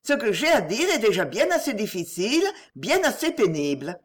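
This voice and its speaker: A woman's voice: mid-range voice, big pitch swings, normal speed, breathy edge. A woman doing a sorrowful, grave mother. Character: sorrowful middle-aged mother, gentle, grave.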